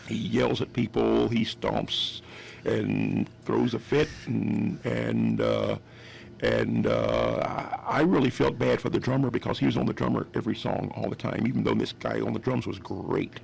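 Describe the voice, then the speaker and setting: A man's voice: lowish voice, moderate pace, vocal fry, a little mellow, a little hiss or hum. A man in his fifties from West Virginia telling stories as a guest on a radio interview, rambling and restarting his sentences often. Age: 50s. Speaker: guest musician.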